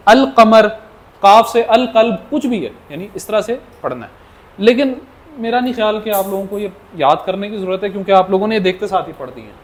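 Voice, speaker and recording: A man teaching a language class as the lecturer. He repeats questions back to his students and drills the answers. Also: high voice. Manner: addresses the class as children. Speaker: Arabic teacher.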